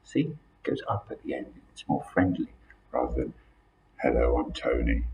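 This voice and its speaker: A British man with an extremely deep, low-pitched voice runs an informal spoken lesson as an accent coach. His intonation swings up and down with lively range, and he restarts phrases, doubling words as he goes. A faint hum of ambient noise sits under his voice. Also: normal speed, rough recording. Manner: repeats words and restarts, keeps asking "see?".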